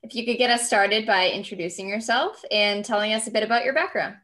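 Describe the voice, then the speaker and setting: A woman's voice: mid-range voice, quick pace, fairly bright tone. Upbeat woman hosting a podcast. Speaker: podcast host. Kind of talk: podcast interview.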